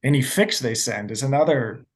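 A man's voice: mid-range voice, expressive, moderate pace, husky. A man who directs documentaries, answering interview questions in an earnest, storytelling way with many fillers. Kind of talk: interview guest.

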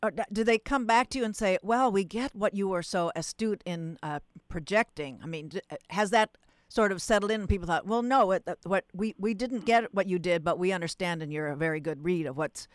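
A woman hosts a call-in radio program in a chatty, meandering way, often restarting her sentences. Her voice sits at a middle pitch and sounds close and dry, with no room around it. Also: brisk, no room sound. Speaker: radio show host.

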